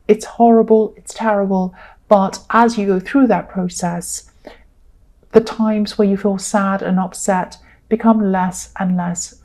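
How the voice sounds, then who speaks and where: Gentle woman giving a tarot reading. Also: mid-range voice. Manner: gentle, reassuring, many fillers. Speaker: tarot reader. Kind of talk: solo tarot reading monologue.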